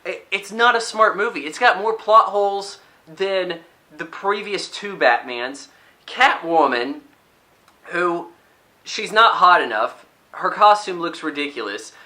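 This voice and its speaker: A man with a bright, slightly high voice talks through a movie review in a loose, rambling way. He picks at the film critically and often restarts his sentences mid-thought. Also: lively intonation, measured pace. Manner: rambling and critical, with frequent restarts and mock quotes. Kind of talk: casual spoken movie review.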